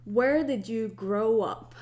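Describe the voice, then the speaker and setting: A woman's voice: fairly high pitch, heavy background noise. A young woman in her twenties from Hong Kong, chatting casually through a get-to-know-me Q&A vlog. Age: 20s. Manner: relaxed, unhurried, chatty with restarts. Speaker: YouTuber.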